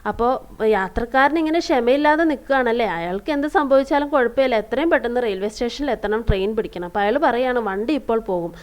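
A woman's voice: fairly high pitch, fast talker. A woman teacher reading a story aloud and explaining it, asking rhetorical questions and glossing hard words. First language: Malayalam. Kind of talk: reading and explaining a school lesson.

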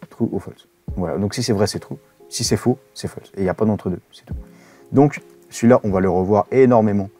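A man talks through a coding tutorial in a relaxed, rambling way, often pausing on fillers and correcting himself. His voice sits low and mellow. Soft music plays faintly underneath. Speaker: web development instructor. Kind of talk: casual screen-recorded coding tutorial.

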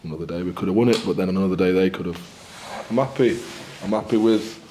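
A man in his forties, a rugby head coach answering post-match questions at a press conference in a candid, measured, upbeat way. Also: sits low, mellow, a little hiss or hum. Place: small indoor press room in front of a sponsor backdrop.

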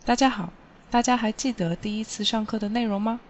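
A woman's voice: fairly high pitch, fairly quick. Woman teaching Italian, dull lo-fi audio. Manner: clear, explaining step by step. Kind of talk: recorded language lesson.

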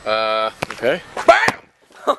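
A man's voice: on the low side, wildly swooping pitch, extremely slow, very noisy. A young man doing a comedic vlog skit, repeating a catchphrase in many playful voices outside a warehouse. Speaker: vlogger. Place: outdoors by a warehouse lot.

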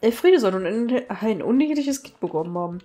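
A woman's voice: fairly high pitch, animated, a little fast, dark tone, soft background music, natural voice. A woman voicing a gossiping village housewife in a role-playing game, chatty and scandalized. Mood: gossipy.

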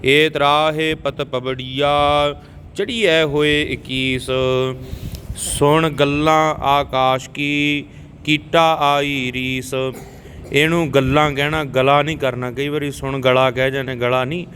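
Slow, even-toned man reciting scripture. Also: a little high, a little hiss or hum. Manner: measured line-by-line recitation, stopping to correct pronunciation.

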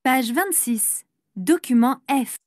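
A woman's voice: high-pitched, lively intonation, slow pace, darkish tone, no echo, clean studio sound. A woman reading announcements in a scripted language-course recording, carefully enunciated. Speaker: course audio narrator and speaker.

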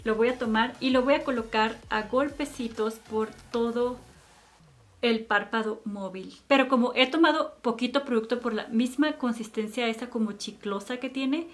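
A woman giving a chatty makeup tutorial and product review, fond of cute diminutives. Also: fairly high pitch. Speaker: beauty vlogger.

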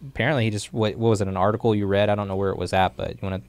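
A man co-hosting a podcast as a real estate agent, chatty and quick to laugh. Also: lowish voice, steady tone, no echo. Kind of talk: casual podcast chat.

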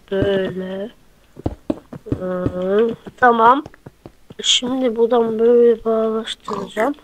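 A woman's voice: medium pitch, background noise. A woman hosting a gameplay channel, chatting casually to viewers and counting blocks aloud as she builds. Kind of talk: casual let's-play commentary.

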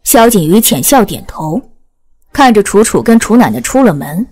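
Expressive woman audiobook narrator. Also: medium pitch, normal speed, breathy edge.

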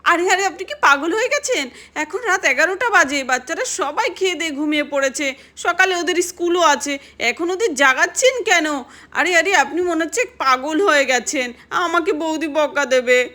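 High-voiced woman voicing dolls. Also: moderate pace, pushed and bright. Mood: bickering. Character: Julie, a young woman, a sister-in-law who likes to bicker. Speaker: doll-play storyteller. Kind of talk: doll-play storytelling with character voices.

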